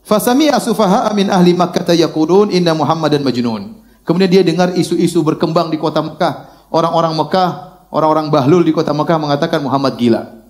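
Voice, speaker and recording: A middle-aged man preaching a sermon in storytelling style, shifting between loud exclamations and hushed quoted speech, laughing along with his audience. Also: a little high.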